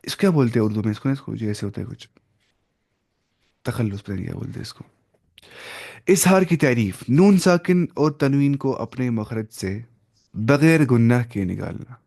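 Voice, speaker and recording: A man teaching the rules of Quran recitation, talking casually to his students and often slipping English terms into his explanations. He stops now and then to model example words slowly and carefully. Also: medium pitch, creaky, a little mellow. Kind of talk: casual tajweed lesson.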